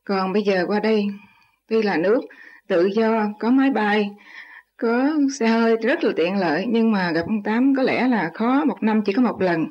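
A woman's voice: medium pitch, normal speed. Deferential woman asking questions, lo-fi sound. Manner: deferential, hesitant, many polite affirmations. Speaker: meditation student asking questions. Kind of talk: polite questioning, respectful address. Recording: dull lo-fi recording.

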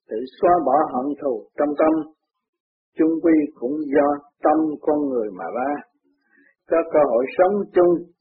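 A man with a raspy, gravelly voice reads a spiritual question-and-answer diary aloud. He slows down and intones the verses in a measured way. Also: fairly high pitch, phone-quality sound. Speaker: reader of spiritual writings.

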